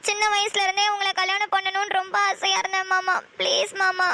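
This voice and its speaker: A woman's voice: extremely high pitch, completely flat delivery, a little fast, bright, forceful tone. A woman voicing a lovesick young woman pleading on the phone in a cartoon. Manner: pleading, insistent. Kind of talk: cartoon voice acting.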